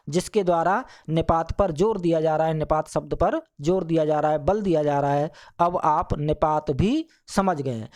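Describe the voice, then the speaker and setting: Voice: medium pitch, a little mellow. A teacher giving a grammar lesson to schoolchildren, speaking patiently and restating each point more than once. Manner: addresses the listeners as children.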